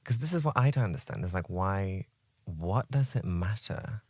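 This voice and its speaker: A man in a casual podcast conversation who speaks reflectively and pauses to search for his words. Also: deep voice, animated, no echo, clean studio sound.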